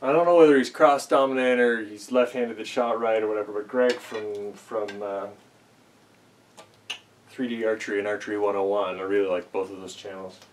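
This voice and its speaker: In a small indoor basement archery range, a young male archery vlogger muses casually to the camera, rambling with plenty of fillers and self-deprecating asides. His voice sits fairly low with a steady tone at a normal speed. The camera mic is a few meters off as he moves and shoots, so the sound is distant with faint noise.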